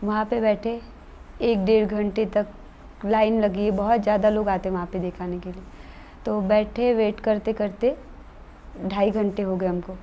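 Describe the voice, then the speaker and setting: In a casual interview, a female guest recounts a true experience of her own in an earnest, matter-of-fact, conversational way. Her warm, mid-range voice moves little in pitch and keeps a normal speed. The recording is muffled, with a little hiss or hum.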